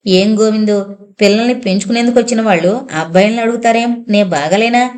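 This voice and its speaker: A woman narrator voicing a spirited, defiant little orphan girl in a spoken novel, with bold quick retorts. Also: mid-range voice, close to an everyday voice. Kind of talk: audiobook character reading.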